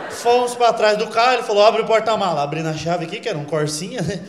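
High-voiced stand-up comic in an echoey club. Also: male voice, fast. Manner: animated, acts out quoted voices, crude slang. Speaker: stand-up comedian. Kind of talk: stand-up storytelling. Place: comedy club stage. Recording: echoey live club with laughter.

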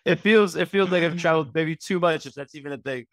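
A man's voice: on the high side, fast, no room sound. Middle-aged male guest, easygoing, rambling lists, headset on a video call, dry close sound. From Miami, USA. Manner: relaxed, rambling lists with frequent fillers. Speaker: guest, registered dietitian. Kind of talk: casual interview chat. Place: home room, video call.

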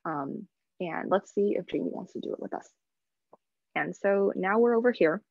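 A woman's voice: medium pitch, moderate pace, vocal fry, no echo. A woman in her twenties presenting a workshop casually and chattily over a video call, with muffled audio. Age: 20s. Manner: informal, chatty.

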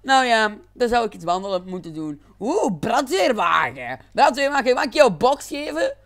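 Excitable gamer guy, smooth voice. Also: extremely high pitch, moderate pace. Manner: excitable, exclaiming and laughing often. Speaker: gaming channel host. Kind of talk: let's-play commentary.

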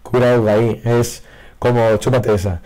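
Man, hoarse, losing his voice, excitable card game commentary. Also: medium pitch, unhurried. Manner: excitable, reacts loudly to pulls. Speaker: card game video creator. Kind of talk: casual pack-opening commentary. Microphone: faulty broken microphone.

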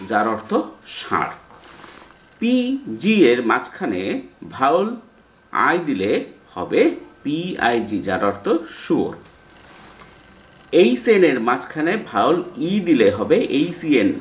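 Lively Bengali-speaking male English tutor. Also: mid-range voice, echoey room. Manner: spells words letter by letter, repeats for emphasis. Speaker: English teacher. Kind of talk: spoken lesson explaining English words.

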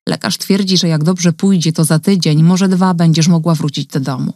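A woman voicing a gentle, caring woman who speaks softly and calmly in an audiobook reading. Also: low voice, normal speed, no room sound, studio quality. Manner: soft, calm, reassuring.

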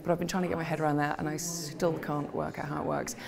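A woman's voice: sits low, level tone, fast, creaky, a crowd in the background. A woman, presenting and narrating a travel show in an enthusiastic, chatty way. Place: indoor museum exhibits.

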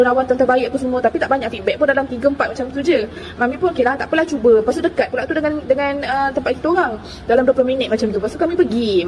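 Malaysian woman from Terengganu, high bright voice, quick animated storytelling, slips into voices for quotes. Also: slight background noise. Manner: animated, acts out other people's lines. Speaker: storyteller recounting her experience. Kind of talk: casual storytelling to viewers.

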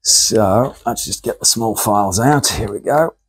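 A man's voice: on the low side, a little slow, breathy edge. A man hosting a model engineering workshop show, chatting viewers through each step as he works at his machines. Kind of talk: casual workshop demonstration. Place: home workshop, indoors. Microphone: camera on a tripod.

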